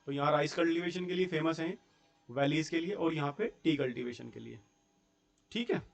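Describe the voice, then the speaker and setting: A man's voice: fairly high pitch, moderate pace, vocal fry, soft background music. A young man teaching a school geography class, explaining step by step in a mix of Hindi and English terms and checking in with his students. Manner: explains step by step, often checks in with "theek hai" and rhetorical questions.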